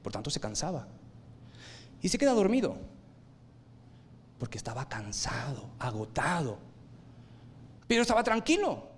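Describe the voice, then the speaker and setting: A man preaching a sermon, swinging from loud emphatic bursts to low quiet lines and asking his listeners rhetorical questions. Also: huge pitch swings, normal speed, long pauses, a little hiss or hum.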